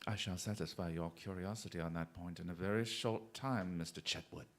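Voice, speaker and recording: An actor playing Sherlock Holmes as a shrewd, coolly polite detective in a radio drama, with formal, precise diction. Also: male voice, low-pitched, a little fast, fairly bright tone. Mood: commanding.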